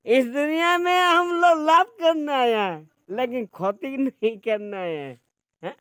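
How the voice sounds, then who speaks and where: A woman's voice: sits high, slow, fairly bright tone, smooth, no room sound, clean studio sound. A woman performing a rambling comic monologue. She drifts into half-sung lines and repeats dramatic pleas.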